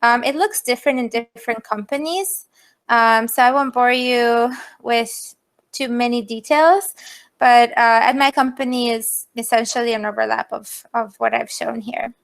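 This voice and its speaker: Clear, higher-voiced woman with an Albanian accent. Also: normal speed. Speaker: guest speaker. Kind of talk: informal career presentation to students. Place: video call.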